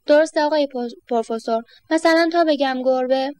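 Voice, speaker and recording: Brief: woman doing bright storybook boy, eager and high, dry close read. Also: dry recording, close to an everyday voice. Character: cheerful curious young boy with magic words.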